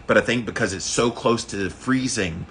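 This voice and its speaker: Bright-voiced man in casual livestream chat. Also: on the low side, normal speed. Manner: informal, explanatory. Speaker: livestream host doing a daily ice bath challenge. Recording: faint background noise.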